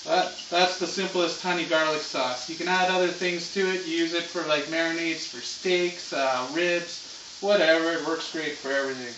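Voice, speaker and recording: A man with a slightly high voice talks through cooking in a loose, easygoing stoner drawl, casual and unscripted. He sounds some way from the microphone in an echoey home kitchen, and the sound is rather dull. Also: steady tone, moderate pace, background noise. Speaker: home cooking show host. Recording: muffled, echoey room, far from mic.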